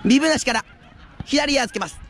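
High-pitched man shouting rising goal commentary. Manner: excited rising goal calls with drawn-out shouts. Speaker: futsal referee and live play-by-play commentator. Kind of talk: live sports commentary. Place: outdoor floodlit futsal pitch at night. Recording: outdoor action camera with ambient noise.

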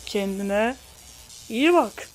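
A woman's voice: medium pitch, animated, extremely slow, faint music behind, low-quality recording. A woman voicing a brash, defiant, slangy fighter in a comedic Turkish cartoon fan dub. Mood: defiant, cocky. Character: brash, foul-mouthed fighter in a comic cartoon.

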